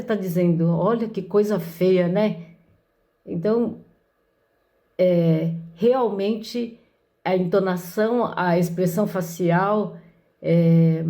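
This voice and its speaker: A woman's voice: medium pitch, warm tone. A woman preaching a sermon, speaking unhurriedly with frequent fillers and restarts, who mentions her own patients. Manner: slow, unhurried delivery with many fillers. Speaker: counselor with patients.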